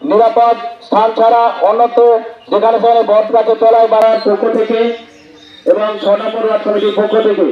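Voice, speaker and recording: A man making a slow, repetitive public warning announcement for the municipality, outdoors in a riverside neighborhood. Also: high-pitched. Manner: slow, repetitive, halting delivery. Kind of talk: public address announcement over loudspeaker. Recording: roomy, distant, muffled loudspeaker sound.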